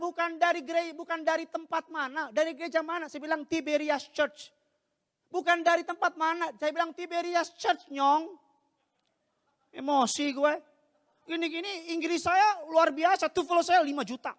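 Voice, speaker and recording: A man preaching an animated, joking sermon as a pastor. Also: very high voice, normal speed. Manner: animated preaching with playful jokes and sudden shouted lines. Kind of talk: lively sermon. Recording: long hall reverb.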